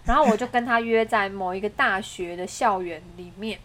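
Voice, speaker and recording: A woman podcast co-host, telling a story in casual chat with dramatic, animated delivery. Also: mid-range voice, a little fast.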